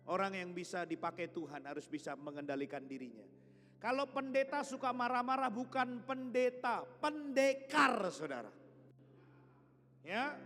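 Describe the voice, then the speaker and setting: A man preaching a lively sermon, joking and drawing responses from the congregation. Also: high-pitched. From Indonesia. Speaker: pastor. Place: church hall. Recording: music behind, long hall reverb.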